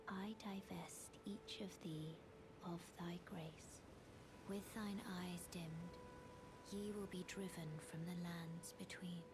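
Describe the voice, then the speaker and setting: Hushed mystic maiden, whispered role-play, slow and lowish, hissy rumbly game audio behind. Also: female voice. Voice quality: breathy whisper. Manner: archaic, measured recital. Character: mysterious young maiden guide, calm and solemn.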